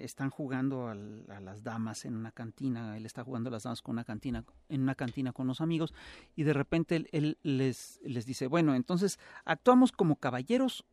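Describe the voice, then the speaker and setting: A man with a Mexican accent, explaining as an interview guest in a halting, lecturing way with many filler sounds. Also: medium pitch, darkish tone, no room sound. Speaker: guest expert on Mexican humor and cinema.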